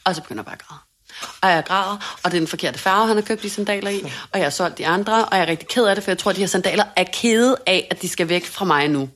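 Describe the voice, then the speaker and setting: A woman co-hosting a podcast, telling a story in a lively, self-mocking way and acting out what people said. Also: on the low side. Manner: animated, self-mocking storytelling with quoted dialogue. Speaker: podcast co-host. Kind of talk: casual storytelling chat.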